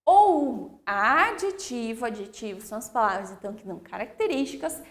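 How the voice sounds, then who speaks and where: A woman teaching young children spelling, drawing out each example word slowly and checking in with "ok?". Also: a little high, animated. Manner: slow, drawn-out word-by-word dictation with frequent "ok?" checks. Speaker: primary school teacher.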